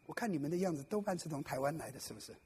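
Husky, lively joking preacher, male. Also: a little high, very fast. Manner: playful, jokes and quizzes the audience. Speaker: pastor. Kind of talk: lively preaching sermon to a live congregation. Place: church service before a congregation.

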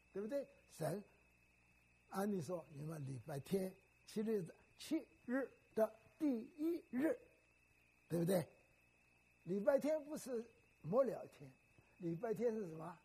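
A man's voice: high voice, darkish tone, breathy edge. An older man preaching a sermon in a teacherly way, often putting questions to the congregation.

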